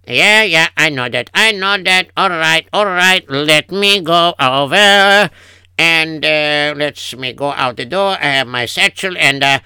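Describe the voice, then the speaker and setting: A man's voice: a little high, a little slow, pushed and bright, smooth, dry recording, poor audio. A man playing a fretful Yiddish-accented husband. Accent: Yiddish-inflected English. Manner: kvetching, sighing oy vey. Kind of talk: improvised comic radio story.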